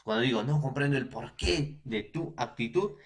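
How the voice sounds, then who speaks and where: A man's voice: mid-range voice, lively intonation, normal speed. A man with a Peruvian Spanish accent teaches a grammar lesson to secondary school students. He circles back over each point, sprinkles in fillers, and keeps asking the class whether they follow. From Peru. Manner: repetitive, checks with frequent "¿no?" and fillers.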